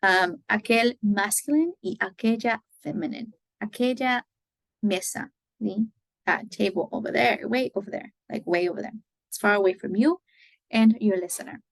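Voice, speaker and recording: A woman teaching Spanish grammar, giving example sentences slowly and checking in with "right?" as she goes. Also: mid-range voice, creaky, dry recording, poor audio. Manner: slow, careful model sentences, frequent "right?" checks. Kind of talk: explaining grammar.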